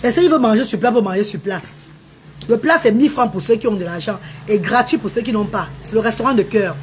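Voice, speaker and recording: There's slight background noise as this Cameroonian woman talks briskly in an animated, highish voice. She's a livestreamer with a charity restaurant, alternating restaurant updates with mocking, insulting replies to commenters.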